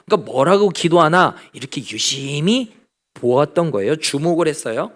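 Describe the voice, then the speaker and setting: A man preaches a sermon at a church prayer meeting in a fairly high voice. His delivery is very animated, with wide swings in pitch. He brings quoted speech to life in changed voices and drops to a whisper for silent prayer. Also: normal speed. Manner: lively, acts out quoted speech in different voices. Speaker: pastor. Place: church sanctuary.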